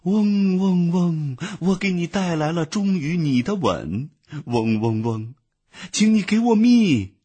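A man narrating a children's storybook in an expressive reading style. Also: fairly low pitch, breathy edge.

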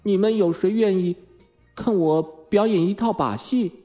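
A humble little boy voiced by a man reading aloud speaks meekly and sadly, a little higher than a grown man. He drawls slowly and sounds downhearted. Faint music plays underneath. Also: dark tone. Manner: meek, downcast. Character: humble, gloomy little boy, silly talker.

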